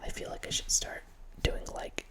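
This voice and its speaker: Speaking at normal speed with a sharp tone, a man in his thirties hosts a whispered ASMR horror film ramble close to a studio mic, with headphones, in a small home room. He's casual and rambling, often restarting sentences and correcting himself.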